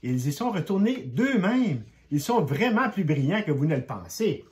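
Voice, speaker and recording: A man's voice: very animated, moderate pace. An older man voicing a stubborn, cheeky little farm girl in a storybook reading, in a raised girlish voice. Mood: proud. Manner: high, shouty girlish voice.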